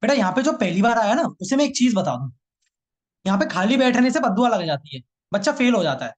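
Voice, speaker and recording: Male coding teacher, high voice, playful scolding, repeats everything twice for a live class. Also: sing-song, a little fast. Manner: teasing, repeats each line twice, mixes English terms into Hindi. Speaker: programming teacher.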